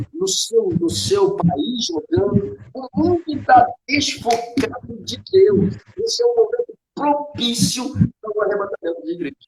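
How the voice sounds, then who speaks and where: High, lively Brazilian preacher man. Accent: Brazilian Portuguese. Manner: emphatic, asks rhetorical questions and answers them himself. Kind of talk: preaching in a conversation. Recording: echoey room with faint noise.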